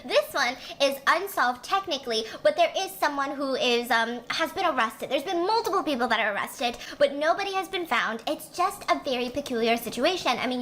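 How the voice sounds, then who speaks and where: A woman's voice: sits high, a bit bright. A woman vlogger chatting casually while eating, then rambling into a true-crime story with lots of asides.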